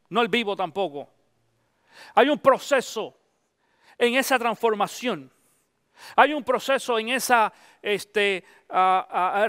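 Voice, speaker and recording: Man, middle-aged pastor, high voice, conversational sermon, dry close sound. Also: fairly bright tone, no room sound. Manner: conversational preaching, mixes English phrases into Spanish.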